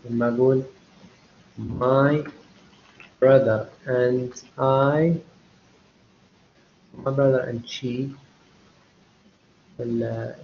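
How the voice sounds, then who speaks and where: A man's voice: medium pitch, gravelly, a little hiss or hum. A man teaching a university English class in a live online lecture. He explains step by step, checks often whether the students follow, and mixes Arabic explanation with English examples. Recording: dull lo-fi online lecture audio.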